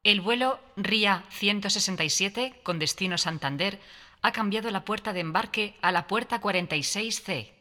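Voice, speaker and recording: A woman's voice: medium pitch, normal speed, sharp tone, close to an everyday voice. A woman voicing a formal airport announcement, in a scripted public-address style. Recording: long reverberant public-address hall echo.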